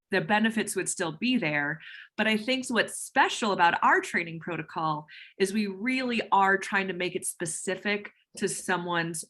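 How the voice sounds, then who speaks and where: A woman's voice: on the low side, pushed and bright. A woman who teaches yoga, explaining her methods with energy and emphatic, teacherly stress. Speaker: yoga instructor and trainer of instructors. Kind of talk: explaining on a call-in Q&A.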